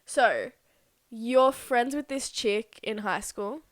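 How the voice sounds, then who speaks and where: A woman's voice: a little high, slow, no echo. Chatty young woman, dry sound. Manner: chatty, heavy use of "like". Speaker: podcast co-host. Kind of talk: casual chat.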